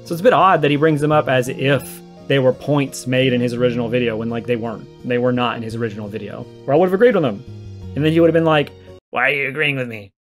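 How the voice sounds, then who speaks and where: Over background music with plucked guitar, a video creator and host gives conversational response commentary in a medium-pitched voice at a quick pace. He argues emphatically and repeats his points to drive them home.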